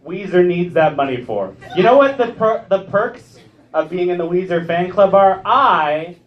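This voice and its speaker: A man in his late twenties from Ontario, Canada, does a live stand-up set on a comedy club stage, joking at his own expense and chatting with the audience. His voice sits high and sounds animated yet unhurried. The recording is distant and muffled, as if captured from across the club.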